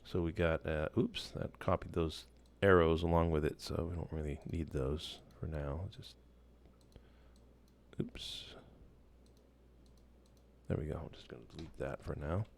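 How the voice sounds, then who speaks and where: A man walking through a software tool in a casual screen-share tutorial, loose and relaxed, with many fillers and restarts. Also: rumbling low, unhurried, pauses often, a little hiss or hum. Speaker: instructor.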